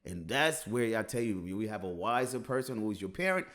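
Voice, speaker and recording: A man giving casual reaction commentary, chatty and animated, often laughing. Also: fairly low pitch, brisk. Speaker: reaction host.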